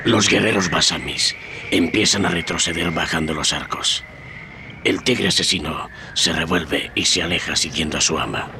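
A man's voice: low voice, moderate pace, vocal fry, noisy background. A man narrating an adventure radio serial as a grave, suspenseful storyteller.

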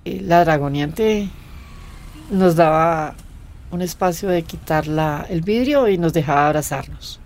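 A woman's voice: low voice, unhurried. A woman recounting a personal story and acting out the quoted voices. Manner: acts out quoted voices, lively retelling. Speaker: interviewee telling her story.

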